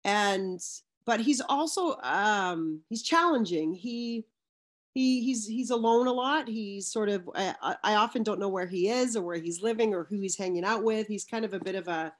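Guest, woman, mid-pitch, earnest and halting, restarts a lot in casual chat. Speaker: interview guest. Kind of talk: casual conversational interview.

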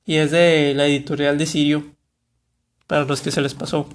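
A man's voice: a little high, level tone, normal speed. A young man with a Mexican Spanish accent, talking casually to camera about a book, rambling and correcting himself. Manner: rambling, self-correcting, colloquial. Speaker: vlogger reviewing a book.

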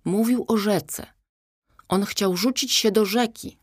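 A woman's voice: medium pitch, slow pace, breathy edge, no room sound, clean studio sound, voice pushed up. A woman voicing a fretful male horse statue in a children's audiobook, speaking hesitantly. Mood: worried. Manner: hesitant, troubled.

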